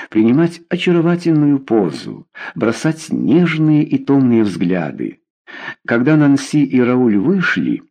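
Expressive man reading a novel aloud. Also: mid-range voice. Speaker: narrator. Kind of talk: audiobook reading of a historical novel.

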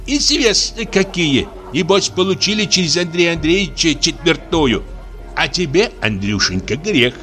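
An indignant older mother of humble stock scolds in plain folk speech, as a male reader puts her on. Her voice rides high with lively pitch. This is an audiobook play with soft music behind. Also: normal speed. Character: fussy lower-class older mother, indignant.

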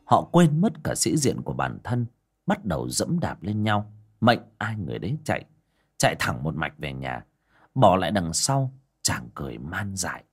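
A man's voice: low voice, huge pitch swings, normal speed, breathy edge. A man narrating a village horror story in a dramatic, ominous way.

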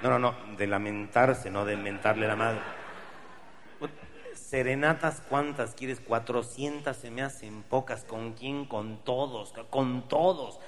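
A man's voice: medium pitch, fairly even intonation, slow pace, big-room sound, slight background noise. Male stand-up comic, Mexican accent, profane and wry storyteller. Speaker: comedian.

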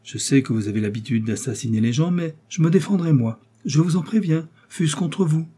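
A cold, sardonic English nobleman, read by a man in a mellow, husky voice. He needles and threatens with unhurried, icy courtesy. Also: fairly high pitch, voice pushed up. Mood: contemptuous. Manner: sardonic, coolly menacing. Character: cold, mocking English lord, middle-aged.

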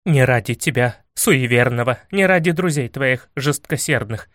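A man's voice: medium pitch, expressive, normal speed, fairly bright tone, no room sound, studio quality, pitched below the performer's own voice, close to an everyday voice. A man voicing a proud, fierce young maiden in a spoken fairy tale, speaking in a declamatory way.

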